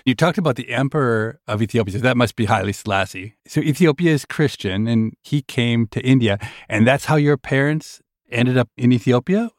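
A man's voice: medium pitch, fairly quick, few pauses, no room sound, studio quality. Curious male podcast host. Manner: curious, upbeat questioning. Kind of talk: scripted intro then interview.

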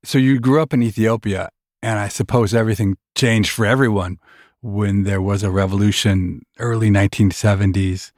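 A man's voice: fairly low pitch, steady tone, normal speed, darkish tone, dry recording, clean studio sound. A man hosting an interview podcast, asking curious, upbeat questions. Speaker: podcast host. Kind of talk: scripted intro then interview.

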